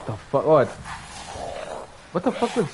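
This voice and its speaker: Young male streamer, excitable and foul-mouthed, very animated pitch, faint noise. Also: unhurried. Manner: excitable, swearing, panicked outbursts. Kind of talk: live gameplay commentary.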